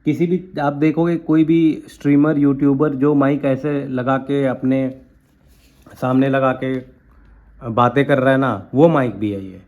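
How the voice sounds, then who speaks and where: A man's voice: medium pitch, steady tone, measured pace, narrow, tinny audio. A man demonstrating a handheld recorder for his viewers, explaining each step directly to them as a tech reviewer. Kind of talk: product demo. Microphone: handheld portable recorder.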